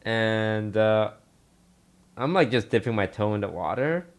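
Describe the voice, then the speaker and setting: Young male podcast co-host, gravelly, laid-back rambling storyteller. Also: fairly low pitch, a little slow. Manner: relaxed, rambling with many fillers. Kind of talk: casual storytelling.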